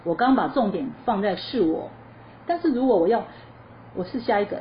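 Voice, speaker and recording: A woman teaching a choir lesson, explaining musical phrasing in a lively, chatty way and asking her listeners questions before answering them. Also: medium pitch, brisk. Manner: lively explanatory, sings short demo phrases. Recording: slightly dull lo-fi recording with faint noise.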